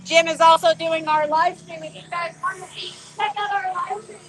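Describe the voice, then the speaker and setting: A woman's voice: extremely high pitch, steady tone, normal speed, heavy background noise. A woman hosting live commentary at an outdoor off-road event, upbeat and chatting with crew.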